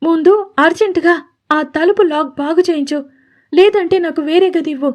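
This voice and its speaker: Lady doing a worn-out young heroine in an audio story, begging, fed up, pitched up high. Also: moderate pace, a little mellow. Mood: weary. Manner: pleading, exasperated. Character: young woman, weary and irritated heroine.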